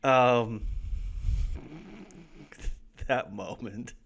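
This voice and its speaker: A podcast co-host chatting casually about an old sitcom episode. His middle-pitched voice moves up and down a lot, and he rambles, restarts and breaks into laughter often. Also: big pitch swings, extremely slow, creaky, fairly bright tone, husky. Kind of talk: casual chat.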